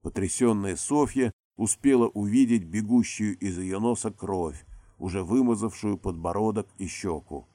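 A man reading a novel aloud as audiobook narrator, in calm, even storytelling. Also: fairly low pitch, moderate pace, dry recording, studio quality. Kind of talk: scripted narration.

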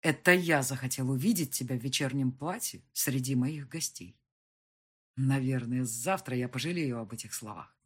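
A woman voicing a stern, wealthy man who speaks tersely and hisses his words low and controlled. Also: moderate pace, husky. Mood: quiet.

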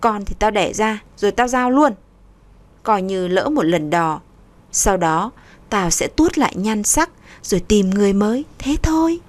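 A woman voicing a brash, sharp-tongued young wife. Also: medium pitch, lively intonation, measured pace, lightly acted. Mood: defiant. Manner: brash, scornful retorts.

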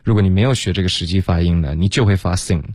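On a radio lesson, a man with a fairly low, slightly mellow voice teaches pronunciation, explaining patiently and drawing words out slowly to show how they sound. The studio recording is close and dry, with no echo or room behind it.

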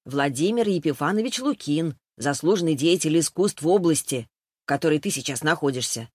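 A woman's voice: sits low, lively intonation, a little fast, darkish tone, husky, no echo. A chatty woman friend with a wry, gossipy way of talking, as a woman reading the book puts her on. The sound is dry and close. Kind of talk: audiobook character voice.

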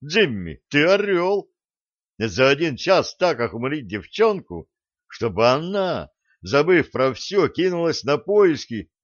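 A man's voice: a little high, very animated, slow pace, no room sound, highs cut off, pitched above the performer's own voice, heavily acted. A man reading an audiobook, voicing a ship mechanic who teases with his mouth full. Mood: teasing. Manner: chewing while talking, mocking. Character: teasing chomping male ship mechanic.

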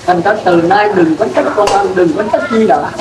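Speaking at a moderate pace in a high voice, a Buddhist monk delivers a sermon plainly and asks his listeners questions. The sound is roomy and noisy, picked up from a distant mic.

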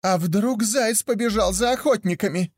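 A cunning female fox, as a man puts her on for a storybook, in a high, shrill, excited voice. The recording is close and dry. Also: normal speed, no room sound. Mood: alarmed. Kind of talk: storybook reading.

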